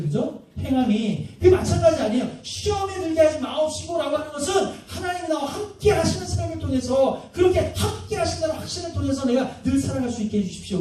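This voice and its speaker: A man's voice: very high-pitched, dark tone. A male pastor preaching a sermon in a conversational way, peppering the congregation with rhetorical questions, recorded from a distance in an echoing church hall. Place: church sanctuary.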